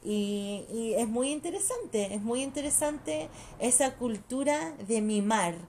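A woman's voice: a little high, lively intonation, slow, a little mellow, a little hiss or hum. A mother chatting casually and bluntly, swearing freely and switching between languages mid-sentence. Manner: blunt and profane. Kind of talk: casual chat.

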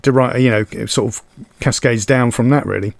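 A man in an ordinary middle pitch talks haltingly in casual chat. He fills pauses and circles back on his words, and the recording is dry and close. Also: gravelly, no room sound. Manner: hesitant, halting, many fillers and restarts.

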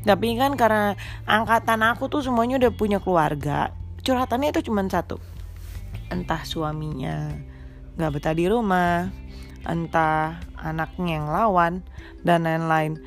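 A young woman with a stuffy, congested nose hosts a podcast from a small rented room, chatting casually and teasingly to mothers and mixing in English. Her voice sits on the low side at a normal speed, with frequent pauses and soft background music.

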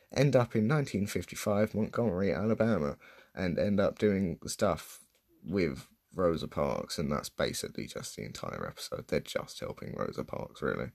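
Sarcastic young man, husky low voice. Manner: sarcastic, self-mocking, profane. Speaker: vlogger. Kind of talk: casual unscripted commentary.

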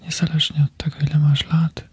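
A man in his thirties whispering slowly and soothingly in a comforting ASMR video, speaking close to the mic. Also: fairly high pitch, monotone, a little mellow, husky, no room sound. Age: 30s. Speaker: ASMR creator.

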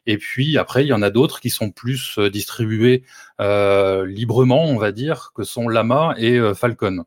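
A man's voice: on the low side, measured pace, no room sound, studio quality. A man co-hosting a casual tech podcast, explaining at length with many fillers and restarts and an occasional chuckle. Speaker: co-host presenting the topic.

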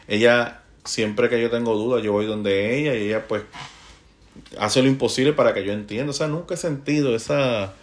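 A Puerto Rican man who teaches Spanish, talking casually and often checking in with tag questions between halting restarts. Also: medium pitch. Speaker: high school Spanish teacher. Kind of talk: casual conversational monologue.

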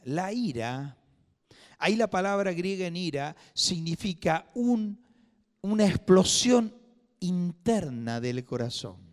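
A man preaching a sermon in a church, swinging from loud emphatic bursts to hushed asides. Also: high voice. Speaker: pastor. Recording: long hall reverb.

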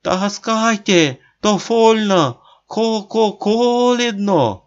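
A portly German ice-bather, put on by a male reader, mock-stern and proud, speaks with a thick German accent and lisping consonants. The voice sits above the narrator's usual pitch. The audiobook recording sounds dull and lo-fi. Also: expressive, extremely slow, heavily acted. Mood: freezing.

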